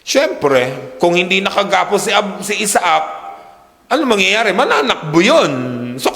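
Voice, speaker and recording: A man's voice: a little high, vocal fry, sharp tone. Preaching man in an echoing hall. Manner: conversational preaching, constant rhetorical "di ba?", mixes English and Tagalog. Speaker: pastor. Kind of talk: sermon. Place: church worship hall.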